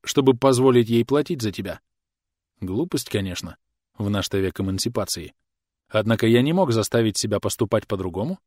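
A man's voice: mid-range voice, darkish tone, dry recording. Man reading an audiobook, wry chatty first-person telling, dry close mic. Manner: wry, conversational storytelling. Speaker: audiobook narrator. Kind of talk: first-person scripted narration.

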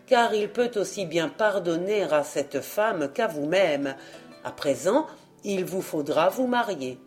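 A woman reading an audiobook, voicing a stern guardian angel who speaks low, quiet and solemn.

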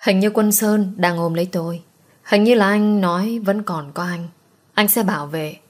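A woman narrating a first-person romance audiobook with an emotional, dramatic reading. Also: lowish voice.

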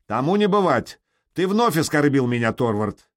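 A man voicing a greedy warlord who yells indignant challenges up at a fort in an audiobook. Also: medium pitch, very animated, moderate pace, pitched above the performer's own voice, natural voice. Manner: yelling, indignant, blustering.

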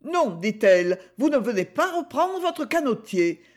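A sad, stubborn fifteen-year-old girl, read by a woman. Her voice sits high above the reader's own, soft and plaintive, and the speech is lively but slow and hesitant. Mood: resolute.

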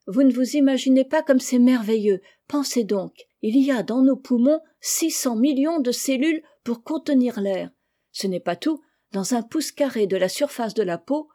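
A woman voicing an eager, curious young girl in an audiobook reading, speaking with lively enthusiasm. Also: mid-range voice. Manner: enthusiastic, animated.

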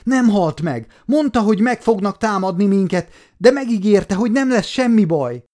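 A man's voice: fairly high pitch, very animated, darkish tone, pitched above the performer's own voice. A man voicing a frightened little girl of about ten, sobbing and pleading in an audiobook. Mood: shrieking.

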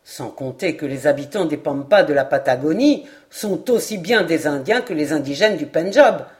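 Glenarvan, a woman doing a calm, low-voiced Scottish lord. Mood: teasing. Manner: calm, deliberate, teasingly serious. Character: composed Scottish lord, dry-humored ship owner.

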